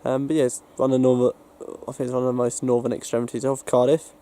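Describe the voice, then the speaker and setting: A man's voice: medium pitch, level tone, fast, warm tone. Chatty British man vlogging at a station. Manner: chatty, rambling with fillers. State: out of breath after running. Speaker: railway vlogger. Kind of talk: casual vlog narration. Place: outdoor railway station platform.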